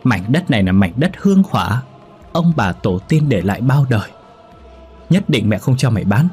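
A man's voice: on the low side, lively intonation, a little slow, dark tone, soft background music. A man voicing a grieving elderly mother who wails and sobs as she pleads. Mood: anguished. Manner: wailing, sobbing pleas.

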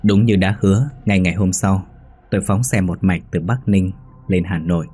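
A man calmly narrating a read-aloud ghost story in a steady storytelling manner. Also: sits low, moderate pace, slightly rough. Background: faint music.

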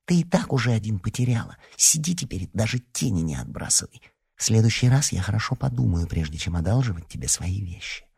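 A man's voice: lowish voice, lively intonation, quick pace, creaky, warm tone, breathy edge, exaggerated voice. A man reading an audiobook, voicing a touchy, indignant teenage schoolgirl. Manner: indignant, snappy.

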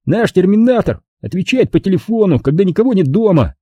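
A man's voice: sits high, animated, a little fast, mellow, husky, dry recording, lo-fi sound, pitched above the performer's own voice. A man voicing a boastful, teasing young boy in a storybook reading, taunting his rival. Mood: bragging. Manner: bragging, taunting.

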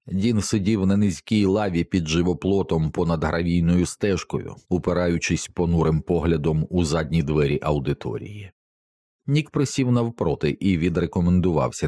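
Deep-voiced male audiobook narrator. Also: normal speed, mellow, dry recording, studio quality. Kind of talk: scripted narration.

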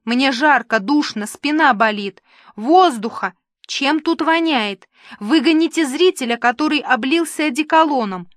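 A woman's voice: sits high, lively intonation, measured pace, no room sound, clean studio sound, voice pushed up. A woman doing a whiny, pampered male star. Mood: whiny petulant. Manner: whiny, fussy, theatrical complaining.

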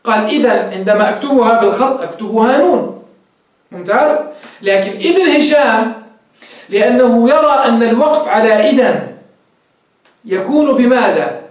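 A man's voice: very high-pitched, animated, normal speed, pauses often. A man teaching a grammar class, explaining step by step and quizzing his students with questions as he goes. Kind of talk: classroom lecture. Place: classroom with a board. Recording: very echoey room, mic far off.

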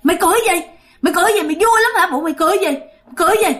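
A woman voicing an angry, bullying male ghost who scolds with rapid repeated questions. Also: high-pitched, big pitch swings, a bit bright. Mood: furious.

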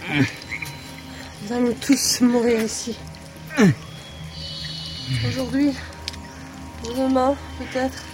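Delirious spy woman, radio drama, high slow voice, rambling, music under it. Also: steady tone. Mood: resigned. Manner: rambling, drifting between whispers and outbursts.

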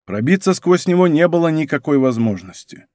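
A male audiobook narrator reads a period adventure novel at a measured, steady pace. His voice sits slightly high for a man. The studio sound is close and dry, with no room echo. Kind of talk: scripted narration. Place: recording studio.

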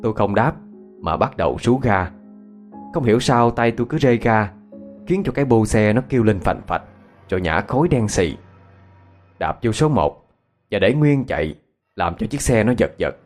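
Low expressive male ghost-story narrator. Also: normal speed, pauses often, soft background music. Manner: dramatic, expressive.

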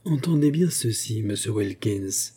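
A man voicing a proud, cold young gentleman who speaks stiffly and haughtily, pitched above his own voice. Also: normal speed, husky, natural voice. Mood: cold, haughty.

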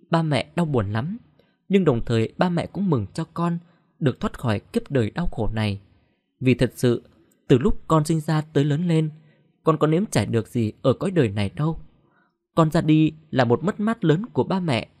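A man's voice: fairly high pitch, darkish tone, dry recording. A man voicing an older village mother who pleads through grief. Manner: choked, pleading.

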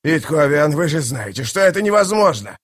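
A shrill, desperate masked priest, performed by a man reading a fantasy audiobook. He shrieks his protests in a raised, indignant voice. The recording is dry and close. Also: sing-song, moderate pace, no echo. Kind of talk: audiobook character voice.

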